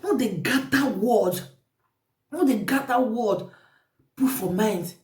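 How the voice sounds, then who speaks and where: A woman's voice: on the high side, takes it slowly, darkish tone. A woman with a Nigerian Pidgin accent giving repetitive, exhorting life advice straight to her viewers. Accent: Nigerian Pidgin English. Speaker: vlogger. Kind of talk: casual advice monologue to viewers. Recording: echoey room, mic at a distance.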